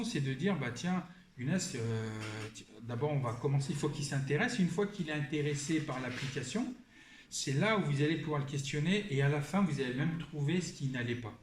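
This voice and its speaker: A middle-aged father talking informally in a webinar, hesitant and full of restarts, acting out bits of dialogue with his child. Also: medium pitch. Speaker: parent speaking in a webinar. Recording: echoey room, faint background noise.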